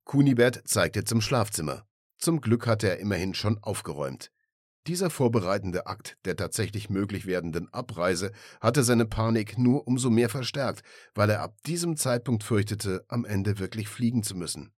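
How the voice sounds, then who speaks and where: Low-voiced male audiobook narrator. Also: no echo, studio quality. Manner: even, measured storytelling.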